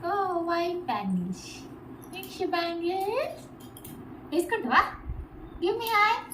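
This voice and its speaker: A woman's voice: extremely high pitch, very animated, a little slow, far from the mic, noisy background. A woman family vlogger talking in a casual, cooing, sing-song baby talk as she coaxes a small child, repeating herself. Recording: echoey room.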